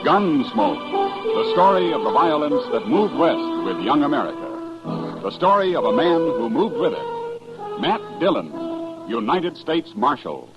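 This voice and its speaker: A man's voice: fairly high pitch, wildly swooping pitch, unhurried, lo-fi sound, loud music behind the voice. A man announcing an old radio show and reading a cereal commercial in a sweeping announcer's delivery, heard as an AM radio broadcast. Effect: old AM radio broadcast sound.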